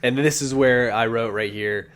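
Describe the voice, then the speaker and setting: A man's voice: medium pitch, moderate pace, fairly bright tone. A man co-hosting a podcast, chatting casually with crude, profane banter. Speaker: podcast co-host. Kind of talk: casual chat.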